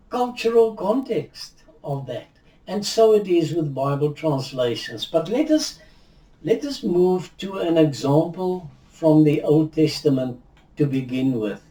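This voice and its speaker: Standing indoors in front of a virtual backdrop, a Bible teacher, an older Afrikaans-speaking man, teaches slowly in an unhurried video. His voice is mellow and fairly high, thoughtful and measured, often restarting as he gestures. The mic is far away, so the sound is distant and echoey.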